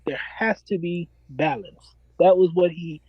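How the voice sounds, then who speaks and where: A man's voice: high-pitched, unhurried, breathy edge, dry recording, muffled recording. A man in his forties, a self-described minister, talking earnestly and preachily in a casual interview and repeating his key phrases. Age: 40s.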